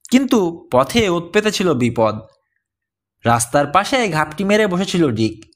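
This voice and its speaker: A man narrating an adventure story, reading every character's lines in his own voice. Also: fairly high pitch. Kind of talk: scripted audiobook narration.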